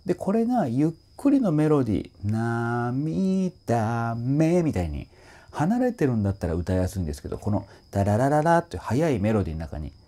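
This male voice trainer talks fast in a mid-range voice. His commentary is casual and animated as he walks through a song, breaking into short sung phrases to show how they go.

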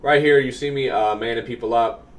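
A young man in his twenties, a gaming coach and YouTuber, speaks a little fast in a medium-pitched, steady voice that's slightly nasal from a cold. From a small room at home, he gives upbeat, explanatory commentary on his own game, using many fillers.

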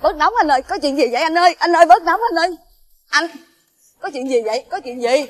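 An actress playing a worried mother who pleads with an angry man to calm down. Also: medium pitch, normal speed, long reverb tail, close to an everyday voice. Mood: pleading. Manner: pleading, placating.

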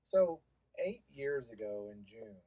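Guest, male, husky tone, emphatic, repetitive storyteller. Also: medium pitch, very animated, slow pace, dark tone, dry recording, low-quality recording. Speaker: guest, sign business owner. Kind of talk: casual chat.

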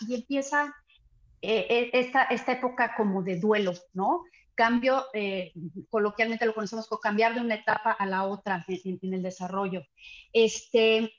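A woman psychologist, a guest on a video call, explaining in a measured, hesitant way with many fillers. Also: on the high side. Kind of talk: explanatory talk. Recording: dull lo-fi video call audio.

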